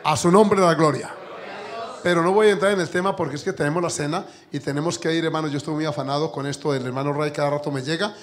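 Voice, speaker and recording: A middle-aged man with a Colombian accent preaching a sermon, telling stories with emphatic, animated outbursts. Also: a little high, very fast, few pauses. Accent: Colombian Spanish. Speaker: pastor. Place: church.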